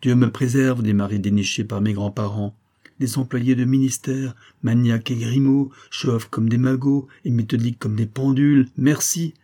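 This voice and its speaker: A man's voice: medium pitch, fairly even intonation, normal speed, warm tone, lightly acted. Storybook heroine, young, bored and scornful, read by a man. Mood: disdainful. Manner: sighing, disdainful. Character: bored melancholy young woman, disdainful. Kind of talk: audiobook character voice.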